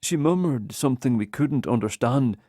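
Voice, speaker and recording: A man narrating an audiobook in the first person with slow, measured storytelling. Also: medium pitch, lively intonation, mellow, no room sound, clean studio sound.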